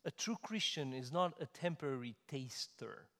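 A man delivering a sermon, moving from loud, emphatic stresses to soft, conversational asides. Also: mid-range voice, animated, normal speed. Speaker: preacher. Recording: long hall reverb.

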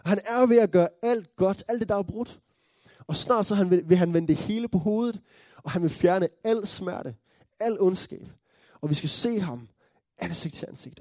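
A man with a high but mellow voice delivers a sermon in an earnest storytelling way. He checks in with his listeners through tag questions and rises into joyful excitement. The sound is dry and close. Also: no echo. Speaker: preacher.

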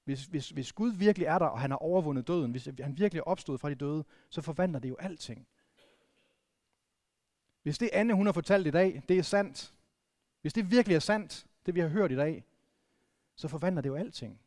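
A man's voice: a little high, animated, a little mellow, dry recording, studio quality. A man from northern Denmark preaching a sermon in a conversational way, often restarting and adding questions to the congregation. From Vendsyssel, Denmark. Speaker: pastor.

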